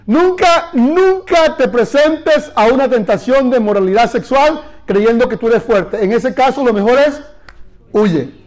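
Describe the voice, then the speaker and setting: A man preaching with a very high voice, pressing his listeners over and over. He calls out lines for the congregation to repeat and drives each point home with fervent repetition. His tone is urgent and exhorting throughout. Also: animated, moderate pace, few pauses, a little mellow. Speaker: pastor. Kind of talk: sermon.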